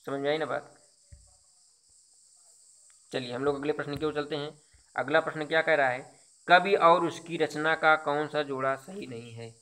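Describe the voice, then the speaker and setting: A man's voice: a little high, normal speed, long pauses, sharp tone. A man teaching Hindi, going through exam questions one by one, explaining each answer with repetition and rhetorical questions. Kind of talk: exam quiz lesson.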